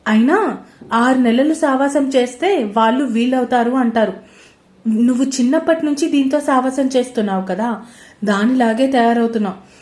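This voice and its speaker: A woman's voice: mid-range voice, fairly even intonation, a little fast, dark tone, natural voice. Woman reading as a stern young man. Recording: roomy echo.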